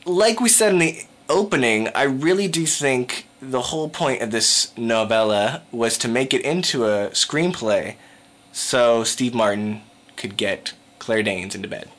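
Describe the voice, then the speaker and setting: Male podcast co-host; bright, crisp tone, mid pitch, playful and teasing in casual talk. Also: measured pace. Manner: joking, playful asides. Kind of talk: casual movie review chat.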